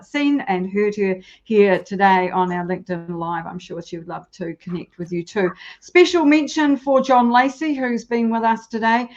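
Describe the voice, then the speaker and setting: A woman's voice: medium pitch, darkish tone, lo-fi sound. A woman hosting a live video interview, wrapping up with thanks and a few hesitant fillers. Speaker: host.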